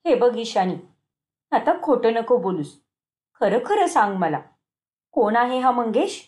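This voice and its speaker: A woman voicing a young married daughter-in-law who speaks in a sharp, accusing way. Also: on the high side, sing-song, a little slow.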